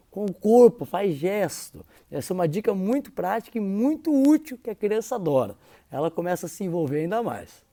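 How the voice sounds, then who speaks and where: A man, an educator giving practical tips in an animated, instructional talk, playing with loudness and pauses. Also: high-pitched.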